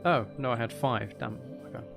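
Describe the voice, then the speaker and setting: At a moderate pace, a man with a mid-range voice and vocal fry gives casual live commentary on his gameplay as a streamer. He chats while thinking aloud and mutters to himself, a little exasperated, over background music.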